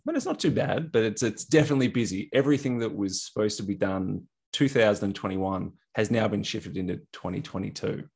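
A man hosting a wedding podcast, asking questions in a friendly, halting way. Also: lowish voice, gravelly, darkish tone. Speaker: podcast host. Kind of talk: interview chat.

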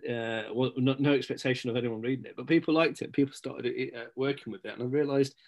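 As a guest on a casual interview, this middle-aged man, a local magazine editor who was Scotland-born and Stapleford-raised, talks quickly in a medium pitch with fairly even intonation. His sentences ramble, full of fillers and fresh starts.

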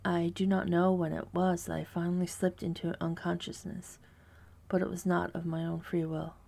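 Gravelly low-voiced woman narrating horror. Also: flat delivery. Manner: hushed, measured, dread-filled delivery. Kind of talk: first-person horror story narration.

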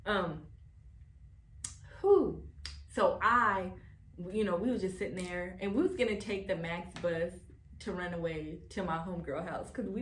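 Frank young woman telling a story, echoey room. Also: medium pitch. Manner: animated, frank, swears often, calls viewers baby and child. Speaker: vlogger. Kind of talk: casual storytelling to camera. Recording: roomy room with faint noise.

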